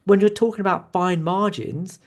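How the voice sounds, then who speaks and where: A man hosting a sports debate, calmly building an analytical case and checking for agreement as he goes. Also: high-pitched, normal speed. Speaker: show host.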